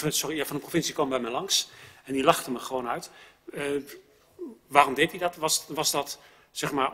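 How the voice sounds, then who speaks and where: A man's voice: mid-range voice, a bit bright, slightly rough. A man, a council member, asking questions politely with hesitations. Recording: reverberant council chamber.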